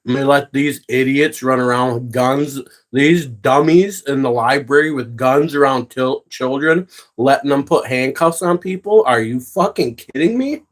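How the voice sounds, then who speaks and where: A man's voice: mid-range voice, unhurried. A man hosting a casual livestream, chatting with viewers and ranting with heavy profanity. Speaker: livestream host.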